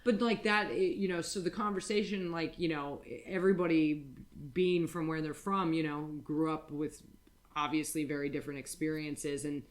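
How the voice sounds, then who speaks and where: A woman's voice: low voice, fairly even intonation, moderate pace. A woman co-hosting a podcast, chatting casually with frank, crude storytelling, many fillers and restarts. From United States. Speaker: podcast co-host. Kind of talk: casual chat.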